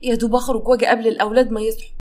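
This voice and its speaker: A woman with an Egyptian accent voicing a young wife and mother who is fed up and upset, pleading in a voice that climbs high. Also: flat delivery, rapid-fire, a little mellow, close to an everyday voice. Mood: worried.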